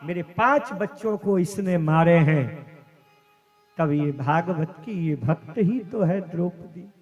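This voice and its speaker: A male preacher telling a devotional scripture story at a live religious gathering, with dramatic, emotive delivery and long pauses. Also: a little high, a little mellow, muffled recording. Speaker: katha preacher. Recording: long hall reverb with faint instrumental music.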